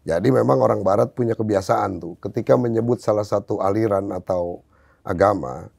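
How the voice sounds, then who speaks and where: A man's voice: on the low side, moderate pace, vocal fry, a little mellow, slightly rough, dry recording, clean studio sound. An Indonesian man, a Confucian priest, who is a guest on a podcast and explains his faith in a blunt, outspoken way. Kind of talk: casual podcast chat, explaining.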